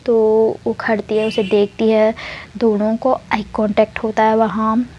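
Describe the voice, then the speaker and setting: Chatty woman storyteller, slightly high voice, muffled lo-fi recording. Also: level tone, measured pace, darkish tone, a little hiss or hum. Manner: chatty, mixing in English words. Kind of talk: casual spoken story narration.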